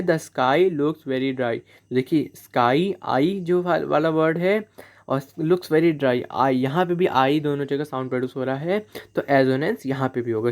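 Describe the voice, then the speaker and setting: A man teaching English poetic devices in Hindi. He mixes in Indian-accented English and slows down to read the example lines aloud. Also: a little high, a little mellow. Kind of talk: classroom lesson, Hindi with English.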